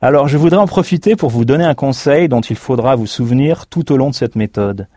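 A man's voice: mid-range voice, fairly quick, mellow, dry recording, studio quality. A man teaching in a recorded language course, explaining patiently and spelling words out letter by letter. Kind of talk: recorded language lesson narration.

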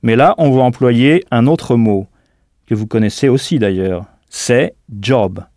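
Slow, deliberate male language teacher. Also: medium pitch, darkish tone, no room sound, studio quality. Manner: slow, deliberate, spells words letter by letter. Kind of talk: scripted audio language lesson.

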